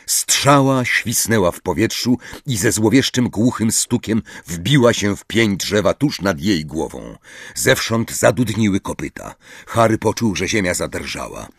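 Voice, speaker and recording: A man reading an audiobook in measured, expressive scripted narration. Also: lowish voice, husky, no echo, clean studio sound.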